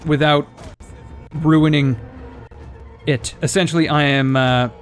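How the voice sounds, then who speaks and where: A man's voice: a little high, fairly even intonation, takes it slowly, soft background music. A man casually commentating a strategy game, thinking aloud and swearing now and then, his audio cutting in and out with uneven volume. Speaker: gameplay commentator.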